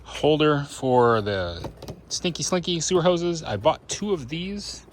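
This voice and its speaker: A man's voice: fairly high pitch, very animated, slow. Casual man vlogging, with some background noise. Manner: informal, self-narrating, thinking aloud. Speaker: RV living vlogger. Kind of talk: casual first-person vlog chat while doing chores.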